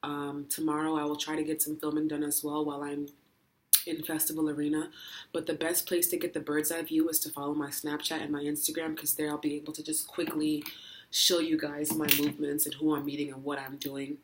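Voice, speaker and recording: Woman mukbang vlogger, flat even delivery, talks over a meal, camera mic indoors. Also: deep voice, a little fast. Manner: chatty, filler-heavy with frequent ums and likes. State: full, hiccuping and burping. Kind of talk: casual chat while eating. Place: indoors, home in Dubai. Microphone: camera mic, no tripod.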